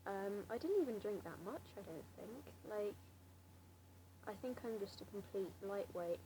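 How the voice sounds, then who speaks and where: A clearly noisy amateur recording of a young woman of about seventeen with a southern English accent. Her pitch is average for a woman. She rambles casually and hesitantly, with a wry, self-deprecating manner. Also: animated, normal speed, mellow. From Slough, England. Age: late teens, seventeen. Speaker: amateur vlogger answering a challenge. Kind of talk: casual rambling chat to camera.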